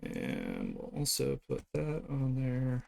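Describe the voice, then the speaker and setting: Drawing live for his stream, a digital artist chats casually, thinking aloud and often leaving thoughts unfinished. His medium-pitched voice is a little mellow with vocal fry, taken slowly but swinging hugely in pitch.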